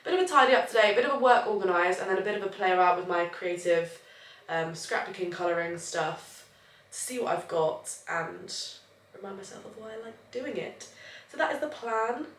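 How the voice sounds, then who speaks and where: Speaking briskly in a mid-range, slightly bright voice, a young vlogger and personal trainer rambles bubbly and self-deprecating about her day, sounding nasal from allergies. The chatty vlog is recorded at home in her flat. The audio feels roomy and distant, with faint ambience and slight background noise.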